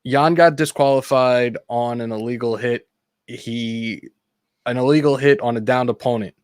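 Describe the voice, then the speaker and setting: A man co-hosting a sports podcast in casual chat, animated and quick to rant and laugh. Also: mid-range voice, smooth, dry recording, studio quality. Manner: animated, ranting, laughs easily. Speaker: podcast co-host.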